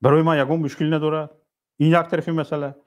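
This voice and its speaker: Brief: male host, fairly high voice, stern and rebuking, heated call-in talk. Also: flat delivery.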